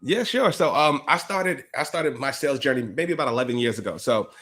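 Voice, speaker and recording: Male guest, rapid casual storyteller who voices the people in his stories. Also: mid-range voice. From USA. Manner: lively, slangy, acts out quotes, laughs often.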